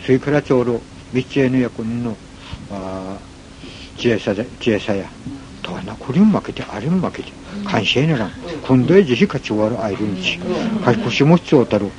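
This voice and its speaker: A man with an Okinawan accent telling a folk tale in a halting way, pausing often with fillers. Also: mid-range voice, animated, crowd noise. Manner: halting, with many pauses and fillers. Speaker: folk storyteller. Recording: noisy recording with ambient hiss.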